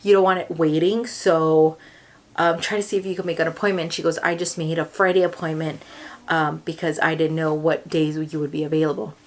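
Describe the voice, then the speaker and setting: A woman's voice: deep voice, little pitch movement, fairly quick. A young woman with a Californian accent telling a personal story to the camera, emotional and rambling, with many fillers and restarts. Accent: Californian English. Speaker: vlogger.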